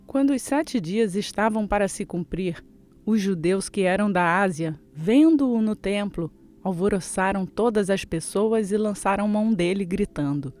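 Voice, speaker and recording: Mellow-voiced scripture reader. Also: mid-range voice. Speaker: Bible reader.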